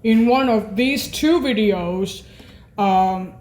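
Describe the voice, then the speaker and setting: A video creator presents an informal, unscripted on-screen walkthrough, hesitating often, repeating and correcting herself, and clearing her throat frequently. Her voice is medium-pitched and a little mellow, and she speaks slowly.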